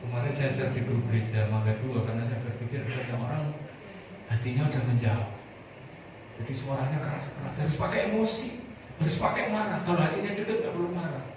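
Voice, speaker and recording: A male pastor preaching a sermon, animated and calling on the congregation to answer together. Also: medium pitch, fast talker. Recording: echoey room, far from the mic, clear noise.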